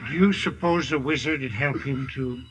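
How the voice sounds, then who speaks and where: A man's voice: mid-range voice, moderate pace, slightly rough, close to an everyday voice. An actor playing a polite, kindly tin woodman, in 1950s radio theatre style. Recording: vintage 1950 radio broadcast with music.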